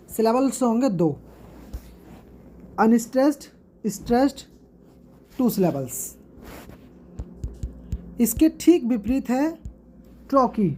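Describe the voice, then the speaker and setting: A woman teacher with an Indian English accent, giving an exam-prep lesson and repeating each term slowly for her students. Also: fairly high pitch, warm tone, a little hiss or hum.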